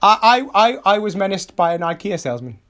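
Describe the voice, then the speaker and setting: A man co-hosting a comedy podcast, halting and stammering through his sentences with lots of fillers and laughter. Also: high voice, very animated, a bit bright. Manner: halting, stammering, many repeated words and fillers; breaks into laughter often. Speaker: podcast co-host.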